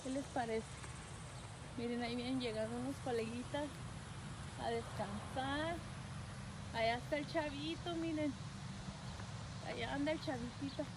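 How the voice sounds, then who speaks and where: A woman's voice: high voice, steady tone, measured pace, pauses often, background noise. A woman truck driver, chatting casually with viewers on a live stream from a phone outdoors at a rest area, greeting them by name and laughing often. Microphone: phone held at arm's length.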